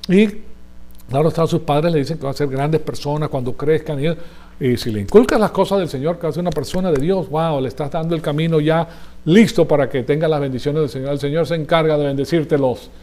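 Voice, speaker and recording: A man preaches in Spanish in a chatty, teaching manner, often turning to his listeners to check they follow. His voice is mellow and soft-edged and sits slightly high for a man. His delivery comes across as that of a church sermon to a gathered congregation. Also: brisk. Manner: conversational, asks the audience for agreement.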